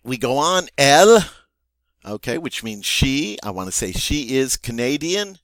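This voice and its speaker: A man with a lowish voice walks through a French grammar lesson. He talks patiently, repeats each form and sounds out the French words slowly. The recording is dry and close, with no room echo. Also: a bit bright. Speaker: French teacher.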